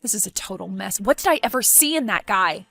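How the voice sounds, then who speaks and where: A gentle young male teacher, quiet and earnest, as a woman voices him in an animated story. His talk stays soft and subdued, with lively pitch movement. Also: fairly quick, vocal fry, soft background music, exaggerated voice. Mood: hurt.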